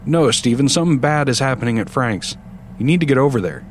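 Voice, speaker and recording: A man voicing a tough rural woman who shouts and curses in an audiobook story. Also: medium pitch, normal speed, a little hiss or hum, close to an everyday voice. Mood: angry, urgent. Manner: shouting, cursing.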